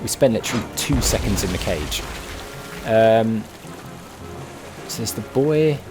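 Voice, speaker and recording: A man's voice: on the low side, expressive, measured pace. A man hosting a let's play, musing aloud and asking questions in casual game commentary. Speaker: gamer, let's play host. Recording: game music behind.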